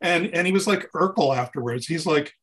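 Fairly high-pitched and slightly bright, a man talks fairly quickly as an interview guest. The touring keyboard player shares informal anecdotes, acting out dialogue and sounds and repeating phrases to stress them.

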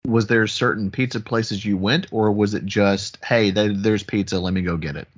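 Man, low husky voice, casual podcast co-host, conversational, somewhat muffled recording. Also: steady tone, normal speed. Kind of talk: casual chat. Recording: dull, muffled sound.

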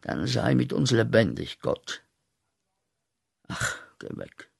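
Radio play: a bitter young war veteran railing at God. Slow and gravelly with a husky edge, going from muttered to shouted. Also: male voice, medium pitch, expressive, exaggerated voice.

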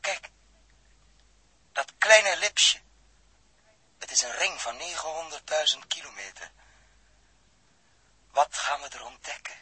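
A man's voice: a little high, lively intonation, a little slow, long pauses, sharp tone, breathy edge, no room sound, heavily acted, low-quality recording. An actor playing a curious, talkative male astronaut in a radio drama, musing and explaining as he speaks. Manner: explanatory, musing, later anxious. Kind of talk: vintage radio drama acting.

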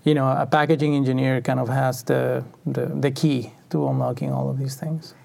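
A Venezuelan packaging engineer, appearing as an interview guest, answers questions thoughtfully and conversationally, often restarting sentences and using lots of fillers. His mid-range voice is gravelly and a little mellow, with little pitch movement and a moderate pace.

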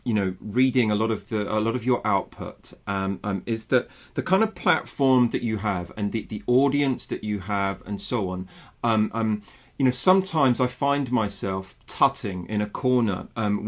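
A man interviewing a guest, asking long questions with many halting restarts and fillers. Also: fairly low pitch.

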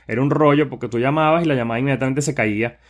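A man's voice: medium pitch, very fast. A man with a Venezuelan accent, a panelist on a casual podcast, recalling old places with many hesitations. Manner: hesitant, many fillers and restarts while recalling. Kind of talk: casual tech podcast chat.

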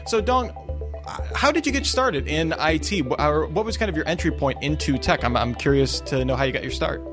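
A man's voice: on the high side, lively intonation, a little fast, over music. A man hosting a podcast interview, asking curious, friendly questions. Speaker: podcast host.

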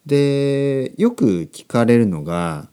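A man in his thirties hosting a podcast for language learners, speaking slowly and simply and repeating key phrases. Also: medium pitch, expressive, mellow, clean tone. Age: 30s. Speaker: podcast host teaching Japanese. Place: recorded at night.

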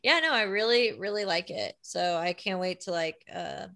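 A woman's voice: medium pitch, moderate pace, gravelly, sharp tone. A woman co-hosting a casual chat, talking in a chatty way with many fillers. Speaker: co-host.

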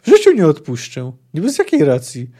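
A man doing a shrill, indignant young poet. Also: huge pitch swings, a little fast, warm tone. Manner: incredulous, mocking protests.

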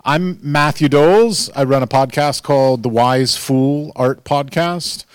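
A man's voice: medium pitch, unhurried, smooth, no echo. American man moderating, dry sound. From United States. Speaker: panel moderator, podcast host. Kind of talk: informal live panel moderation.

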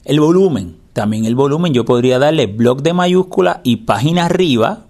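A man's voice: mid-range voice, expressive, moderate pace, darkish tone. A man instructing in a screen reader tutorial, explaining patiently and repeating the key steps. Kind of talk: spoken step-by-step tutorial.

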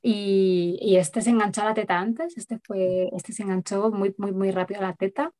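A woman's voice: medium pitch, steady tone, mellow. A woman, telling a personal story as an interview guest in a chatty way full of fillers. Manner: rapid, chatty, many verbal fillers. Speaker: guest mother recounting a home birth.

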